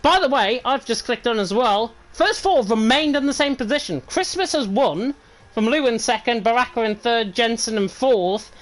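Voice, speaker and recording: A woman's voice: a little high, expressive, moderate pace, rough recording. A woman commentating live on an online racing league, chatty and upbeat as she runs through the results. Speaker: race commentator. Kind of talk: live esports race commentary.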